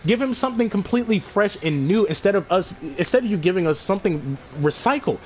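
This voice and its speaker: Excitable high-voiced young man ranting. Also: fast. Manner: excited, animated, swears a lot, slangy. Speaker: gaming commentator. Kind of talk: casual gameplay commentary.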